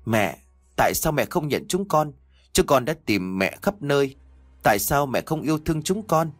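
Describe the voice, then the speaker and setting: A man voicing a small ghost boy of about four who pleads slowly and reproachfully with the woman he calls his mother. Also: on the high side, very animated, no echo, pitched above the performer's own voice.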